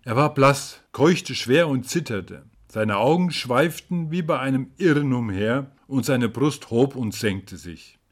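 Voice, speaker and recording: Brief: male storyteller, mid-pitched, theatrical reading of a ghost tale. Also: expressive, measured pace, hardly any pauses. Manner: dramatic, rising to cries at tense moments. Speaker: narrator.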